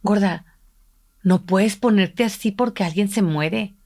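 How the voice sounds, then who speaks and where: In a slow, medium-pitched and slightly mellow voice, a middle-aged woman relates a personal story on an intimate podcast. Reflective and emotional, she imitates the people she quotes as she retells events. She co-hosts the podcast and is a mother.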